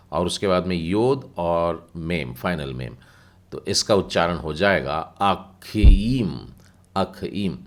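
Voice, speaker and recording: A man teaching a Bible language class, patiently spelling out letters and their sounds step by step. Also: sits low. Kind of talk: slow explanatory lesson.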